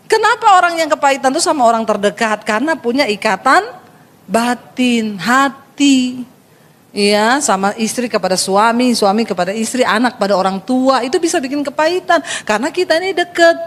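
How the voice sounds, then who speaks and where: Lady pastor giving a sermon, fairly high voice, jokey stories, talks right to the congregation. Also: a bit bright, big-room sound. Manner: humorous storytelling, acts out dialogue; addresses congregation directly.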